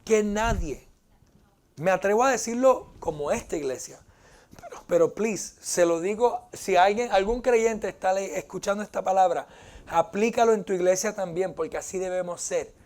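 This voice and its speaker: A man's voice: sits high, moderate pace, a little mellow. A man preaching a sermon to a church congregation, playful and joking and dropping English phrases into his talk. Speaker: pastor.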